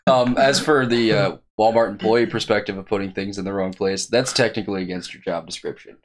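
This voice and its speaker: Profane, low-voiced podcast guy. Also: fairly even intonation, a little fast, a crowd in the background. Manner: profane, storytelling, emphatic. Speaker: podcast co-host. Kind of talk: casual podcast chat.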